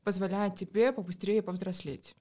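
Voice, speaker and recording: A woman in her twenties from Armenia, a podcast guest talking about herself in a relaxed, candid way. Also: mid-range voice, moderate pace. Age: 20s. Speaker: interview guest. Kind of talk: casual interview chat.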